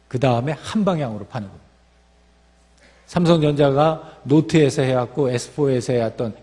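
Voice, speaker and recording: Male lecturer, explanatory, a bit high, echoing lecture hall. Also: warm tone. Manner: explanatory, with fillers and restarts. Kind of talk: lecture talk. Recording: long reverb of a hall.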